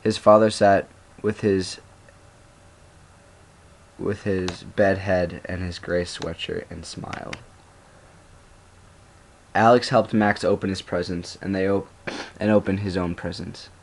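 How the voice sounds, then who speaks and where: Male student, deep voice, reads his story unhurried with small slips. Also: steady tone, gravelly. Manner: unhurried, with occasional stumbles and restarts. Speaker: student reader. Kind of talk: reading his own story aloud.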